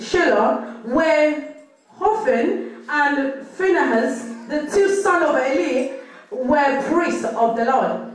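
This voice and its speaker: A woman reading scripture aloud in church, then interpreting a sermon line by line, quick to echo each phrase. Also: high voice. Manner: quick, echoing each line straight after the preacher. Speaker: Bible reader and interpreter. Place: church hall. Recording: echoey church hall from far off.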